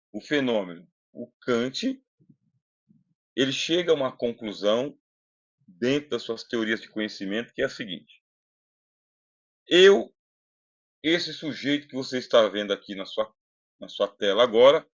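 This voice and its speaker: A man with a Brazilian accent giving an informal philosophy lecture in a conversational, didactic way, putting questions to the listener, close to the microphone. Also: mid-range voice. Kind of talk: informal recorded lecture with read-aloud passages. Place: closed room indoors. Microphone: close Bluetooth microphone. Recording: slightly dull, lo-fi computer audio.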